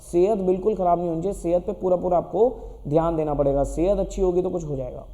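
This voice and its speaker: A man speaking to students in a direct motivational talk, asking questions and then answering them. His voice sits high but has a mellow, warm tone. A long reverb trails after his words. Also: fairly even intonation, quick pace. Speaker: teacher.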